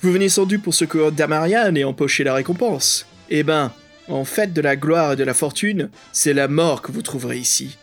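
A man's voice: a little high, moderate pace, lightly acted. A man voicing a slim, richly dressed male villain from a gamebook and reading his threat aloud with a mocking tone. Over faint music.

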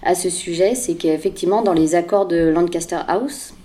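With a fairly low, dark voice at a normal speed, a woman presents news as a podcast co-host. Her talk is casual and halting, full of fillers and self-deprecation.

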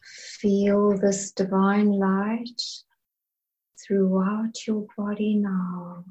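A woman leading a guided meditation in a soft, soothing, breathy manner, leaving long pauses between phrases. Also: medium pitch, little pitch movement, muffled recording. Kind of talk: slow guided meditation narration.

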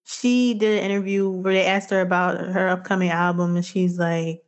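A woman co-hosting a casual music chat, chatty and quick to laugh, acting out what others said. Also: fairly low pitch, level tone. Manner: chatty, laughs often, acts out quotes. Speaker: podcast co-host.

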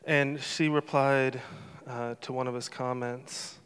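A middle-aged man speaking at a church gathering in an earnest, emotional, personal way. His voice stays fairly even in pitch. The sound carries a long reverb from the sanctuary. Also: takes it slowly, clear, resonant tone. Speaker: church speaker closing a testimony service. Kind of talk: heartfelt church talk.

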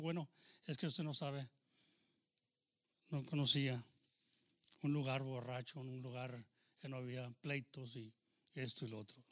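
A man's voice: a little high, no echo. Older man giving an earnest testimony. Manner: earnest, exhorting, bursts of loud emphasis; addresses listeners as brothers. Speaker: church member giving testimony. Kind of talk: testimony sermon.

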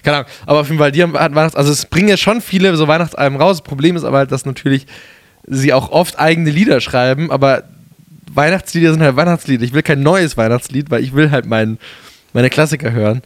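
A man's voice: a little high, quick pace, dry recording. A man hosting a casual chat, talkative and laughing often, trailing off and restarting mid-sentence.

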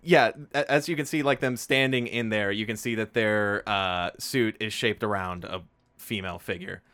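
A man running a tabletop game as game master, narrating in a relaxed, easygoing way. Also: fairly low pitch, normal speed, clean tone.

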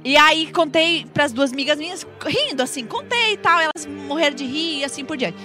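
A woman telling a comic anecdote on a talk show in an animated, chatty way. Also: high-pitched, normal speed, faint music behind. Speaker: guest storyteller.

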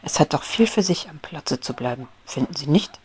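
A woman plays a fussy old-fashioned beetle gentleman in whispered role-play, stiffly formal and prone to indignant grumbling. The breathy, husky voice is pushed a bit lower than her own. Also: lively intonation, normal speed, heavily acted. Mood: courteous. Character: prim, fussy male rose beetle, polite yet grumpy.

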